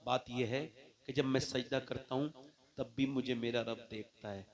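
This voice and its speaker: A man preacher voicing a pious man who trembles and makes a hushed, solemn confession. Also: mid-range voice, fairly even intonation, normal speed, voice pushed down, close to an everyday voice. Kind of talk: sermon storytelling.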